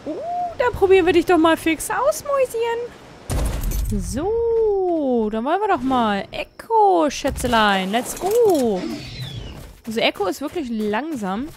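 A woman with a very high, girlish voice narrates her gameplay in an unhurried, drawn-out way. She gushes and coos over cute creatures and repeats words in excitable little bursts. A faint hiss sits under the recording. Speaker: let's play gamer. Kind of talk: casual gameplay commentary.

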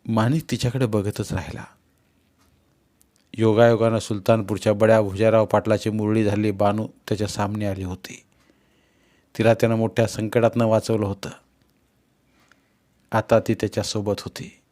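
A man narrating a novel in a steady storytelling delivery. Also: fairly low pitch, moderate pace, long pauses. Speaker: audiobook narrator. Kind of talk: novel reading.

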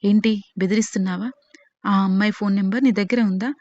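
A sneering middle-aged villain man, dismissive and mocking toward everyone around him, as a woman storyteller reads his lines. The voice sits at an ordinary pitch and sounds dull and lo-fi. It is very dry, with no room sound at all. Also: fairly even intonation, fast talker, darkish tone, no echo, close to an everyday voice. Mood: scornful.

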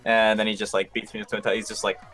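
A man's voice: on the low side, completely flat delivery, fast talker, a bit bright. A man co-casting a fighting game tournament, easygoing and chatty, laughing through his stories. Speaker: esports co-caster. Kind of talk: casual game commentary. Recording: music playing behind.

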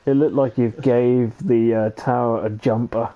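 A man streams a game with a friend, chatting casually and chuckling as he thinks out loud. His mid-range voice keeps a steady tone at a normal speed. The stream audio is dull and lo-fi.

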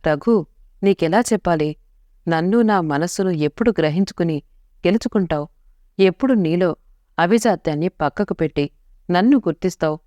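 A woman's voice: on the low side, normal speed, pauses often, warm tone, no room sound, clean studio sound, lightly acted. A woman voicing an earnest, easily hurt teenage girl in a story, speaking eagerly and pleading.

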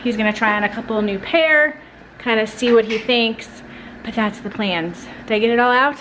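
A woman's voice: a little high, normal speed, noisy background. A woman in her thirties chatting casually to the camera for a family vlog, rambling with fillers while running errands. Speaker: family vlogger.

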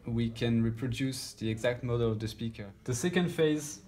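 Searching for words as he goes, a man in his thirties gives an informal technical rundown of a measurement process as an audio engineer. His medium-pitched voice is a little mellow and moves at a moderate pace. Roomy echo and background noise fill the indoor listening room with loudspeakers.

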